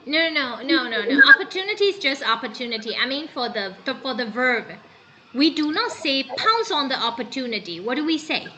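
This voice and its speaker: A woman's voice: high voice, brisk, heavy background noise. A woman from Myanmar teaching a class, asking her students questions as she goes and slipping into Burmese now and then. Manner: animated, asks students questions, switches into Burmese. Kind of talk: classroom lesson.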